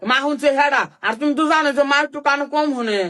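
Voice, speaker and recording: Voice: high-pitched, quick pace, background noise, close to an everyday voice. A performer voicing a whiny young village son, pleading and complaining. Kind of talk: comedy skit acting.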